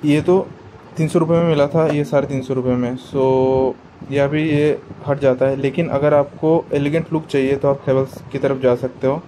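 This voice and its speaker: A man's voice: mid-range voice, steady tone, moderate pace, mellow, a little hiss or hum, rough recording. A man giving a casual how-to product demo, chatty and explanatory, talking straight to his viewers. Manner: chatty and explanatory, often addresses the viewers as guys. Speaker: product reviewer.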